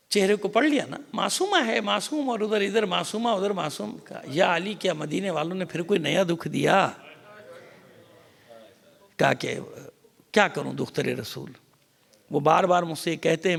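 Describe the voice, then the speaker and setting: A man with a Pakistani accent, a cleric giving a mourning sermon as dramatic storytelling that swings from loud cries to hushed whispers. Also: high voice, animated, creaky, pauses often. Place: large mosque hall. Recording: long reverb of a mosque hall.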